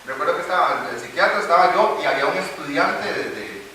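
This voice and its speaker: A man's voice: a little high, lively intonation, fast, pushed and bright, a little hiss or hum. A man with a Costa Rican accent preaching a sermon in church, telling a story and then building to emphatic declaiming. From Costa Rica. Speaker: pastor. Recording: echoey church hall, distant mic.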